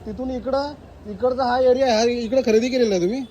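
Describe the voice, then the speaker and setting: A man's voice: very high voice, quick pace, dark tone, highs cut off. A man in a heated street argument with shopkeepers, insistent and repeating his points. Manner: insistent, repeats points, argues about rights. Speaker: rider confronting shopkeepers. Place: street outdoors near shops.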